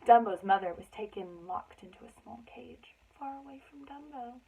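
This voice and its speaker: This woman's voice is a little high and slightly rough, with a darkish tone, vocal fry and lively intonation at normal speed. She reads a children's story expressively for young listeners, with dramatic emphasis and chatty asides, over thin, band-limited sound.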